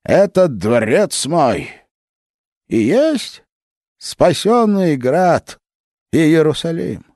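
A fervent, half-mad tsar, as a male narrator puts him on, who murmurs secrets low and then rings out in triumph. His voice climbs high and swings widely. Recorded close and dry for an audiobook. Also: sing-song, very slow, long pauses, darkish tone, dry recording, exaggerated voice. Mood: triumphant. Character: exalted, secretive tsar, adult man.

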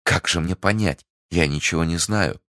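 A man's voice: deep voice, moderate pace, fairly bright tone, dry recording, clean studio sound, pitched above the performer's own voice. A man voicing a timid, devoted young convent novice in love, speaking earnestly and trustingly. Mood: anxious. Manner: earnest, trusting, easily startled.

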